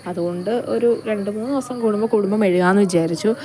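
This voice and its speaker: A young woman talking through her morning in a casual vlog, chatty and rambling, her voice a little rough from allergies. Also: medium pitch, rapid-fire, poor audio. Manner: chatty, rambling, often trails off. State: voice changed by allergy, sneezy. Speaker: vlogger. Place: outdoors at a home yard. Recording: outdoor vlog with loud ambient noise. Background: insects and animals.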